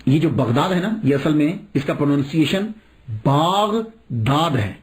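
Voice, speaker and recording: A male preacher telling a religious story in a sermon, animated and asking rhetorical questions as he goes. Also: on the high side.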